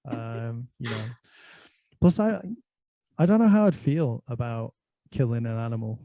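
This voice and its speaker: Warm-voiced Irish man telling stories. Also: mid-range voice, animated, a little slow, no echo. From Ireland. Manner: chatty, anecdotal storytelling. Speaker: host. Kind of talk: casual conversation.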